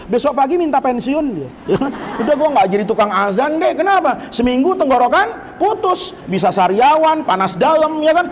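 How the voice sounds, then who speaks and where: A man delivers a religious lesson in a high, bright voice, tossing questions to his students and answering them himself. His voice rings with long reverb through a large hall, over faint background noise. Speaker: Islamic teacher. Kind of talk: lively religious lecture.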